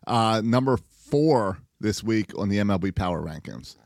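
A man co-hosting a sports podcast, chatting casually and telling stories in an animated way with quoted asides. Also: on the low side, normal speed, creaky, no echo, clean studio sound. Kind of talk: casual baseball chat.

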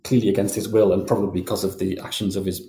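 Talking rapid-fire in a low, mellow voice with flat delivery, this Geordie-tinged co-host chats loosely on a news podcast and often restarts his sentences. He's a journalist from North East England, and the sound is roomy.

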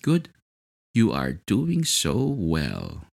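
A man with a very low voice guides a hypnosis relaxation session. He speaks slowly and soothingly, and his pitch rises and falls in a lively way. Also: creaky, husky. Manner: slow, soothing, hypnotic delivery.

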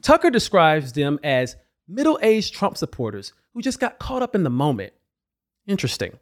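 A man's voice: on the high side, huge pitch swings, normal speed, heavy background noise. A man delivering scripted political commentary as a host, with a sarcastic, mocking manner.

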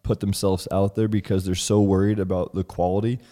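A man's voice: sits low, level tone, fairly quick, warm tone. A man hosting a casual podcast chat in a studio, joking around in laid-back banter with his guest. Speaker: podcast host.

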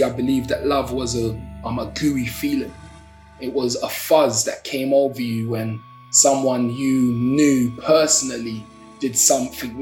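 Casting: male storyteller, South London accent, mid-pitched and articulate, reflective delivery, music underneath. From Brixton, South London. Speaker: social entrepreneur, activist and poet telling their story. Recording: roomy echo, music underneath.

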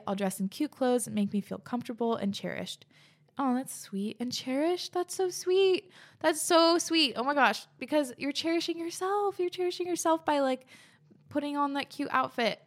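Gushing over listener submissions, this young podcast host keeps things casual and bubbly. She says "like" constantly, sounds slightly out of breath, and her pitch sits a little high.

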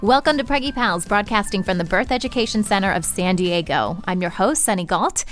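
A woman's voice: medium pitch, lively intonation, a little fast, faint music behind. A woman hosting a pregnancy podcast in a studio, upbeat and chatty. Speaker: podcast host. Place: radio studio.

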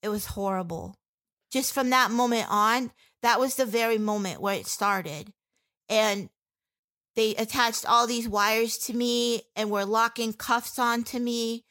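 Woman recounting her past, halting and candid. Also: a little high, a bit bright. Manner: halting and candid, many fillers and restarts. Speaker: interviewee. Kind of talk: personal testimony in an interview.

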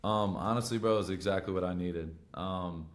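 Deep-voiced American frat-bro guy. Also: normal speed. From Michigan, USA. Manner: frat-bro talk, slangy and profane, with bro and dude. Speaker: pro football player on his own podcast. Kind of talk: casual podcast chat.

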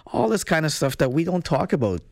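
A man who is a financial advisor, chatting casually on a radio show, laughing often and talking in quick bursts. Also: on the high side, very animated, no room sound, studio quality. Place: radio studio.

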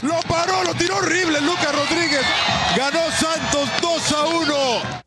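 A male football commentator calls goals in a very high, excited voice. He delivers breakneck match commentary, repeating phrases and stretching out his shouts, with loud music behind him. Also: a little slow, over a noisy crowd.

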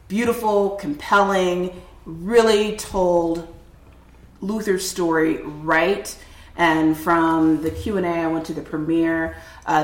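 Her voice is deep and a little nasal as she recovers from a cold, and the sound is roomy. She's a podcast host running an intro and roundtable chat at a table during a film festival, keeping things upbeat and chatty.

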